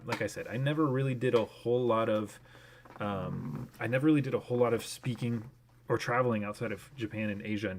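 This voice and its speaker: A young man casually thinking aloud while streaming a guessing game, rambling with many fillers. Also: lowish voice.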